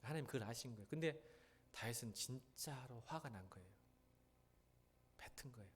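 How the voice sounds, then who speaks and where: A middle-aged male pastor preaching in a church, talking conversationally and mimicking people with playful, rough slang. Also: medium pitch, expressive, moderate pace, a little hiss or hum. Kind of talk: sermon. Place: church sanctuary.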